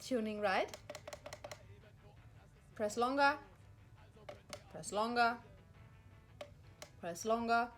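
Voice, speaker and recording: A woman's voice: a little high, drawn-out words, pauses often, faint music behind. A woman ranting in exasperation as she reads instructions aloud, repeating herself. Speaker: vlogger. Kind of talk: frustrated vlog monologue reading instructions aloud.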